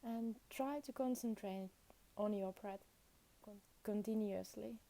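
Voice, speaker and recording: A woman acting as meditation teacher soothes listeners with short phrases and long pauses. She has a warm, mid-range voice with vocal fry.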